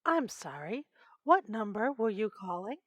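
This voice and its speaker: An actress playing a courteous, unflappable telephone operator in an old-time radio play, speaking in detached set phrases. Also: female voice, medium pitch, sing-song, a little slow, dry recording. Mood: detached, patient. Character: polite, unflappable female telephone switchboard operator.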